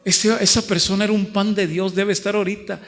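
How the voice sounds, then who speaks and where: High-pitched northern Mexican pastor preaching. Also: male voice, little pitch movement, fairly quick, fairly bright tone, soft background music. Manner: preaches with rising emphatic repetition, acts out dialogue. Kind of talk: sermon. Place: large church hall. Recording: long church hall reverb.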